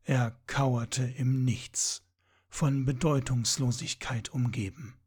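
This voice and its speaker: A man reading a fantasy audiobook in a measured, dramatic storytelling manner. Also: medium pitch, a little mellow, slightly rough. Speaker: audiobook narrator. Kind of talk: scripted fantasy narration.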